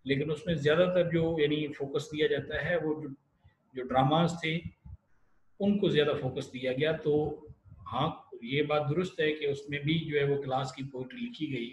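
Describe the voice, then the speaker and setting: A man giving an online literature lecture. He explains step by step and often pauses, restarts and fills gaps. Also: mid-range voice. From Pakistan. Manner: explanatory, many fillers and restarts. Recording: echoey room with faint hiss.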